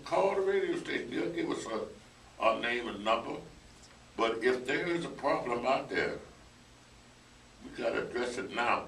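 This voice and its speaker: A man's voice: mid-range voice, fairly bright tone. Earnest male veteran in a roomy studio. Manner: earnest, appealing directly to listeners. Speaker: veteran panelist. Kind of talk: radio roundtable talk. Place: small radio studio. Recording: roomy, distant camera audio with faint noise.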